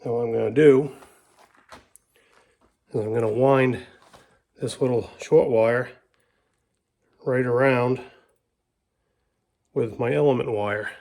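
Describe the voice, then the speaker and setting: Hosting his own DIY how-to video, a man chats casually and colloquially as he works through a hands-on job. His folksy, mid-range voice is slow, creaky and a little mellow, with frequent pauses.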